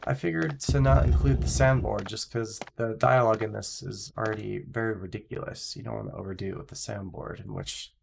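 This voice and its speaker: A man's voice: on the low side, a little fast, gravelly, few pauses, background noise. A man streaming a horror game, talking casually in a rambling, joking way, sounding nasal from a stuffed-up nose. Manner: rambling, chatty, jokey asides. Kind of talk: casual gameplay commentary. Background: game music.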